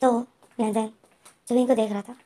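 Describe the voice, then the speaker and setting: Young woman retelling a story, mellow voice. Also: a little high, fairly even intonation, brisk. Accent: Hindi. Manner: retells the plot, quoting both characters' lines in her own voice; addresses listeners directly. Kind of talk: casual retelling of a fan fiction story.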